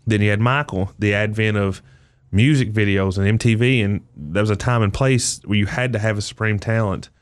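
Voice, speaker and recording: Low-voiced bearded host holding forth. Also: male voice, brisk, clean tone. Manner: opinionated, lecturing in long runs. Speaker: podcast host. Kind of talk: casual podcast chat. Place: small radio studio with posters. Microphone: studio boom mic.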